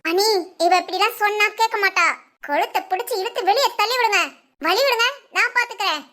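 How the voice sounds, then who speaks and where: A woman playing a pushy female household elder who gives blunt orders, in a lower voice than her other role. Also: brisk, pushed and bright. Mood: bossy. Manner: blunt, commanding.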